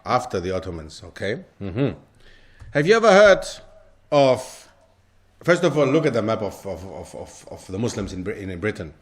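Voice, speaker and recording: A man's voice: fairly low pitch, sing-song, moderate pace. Man lecturing and quizzing his audience. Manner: quizzes the audience with frequent questions. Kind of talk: interactive lecture to a live audience. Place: lecture hall.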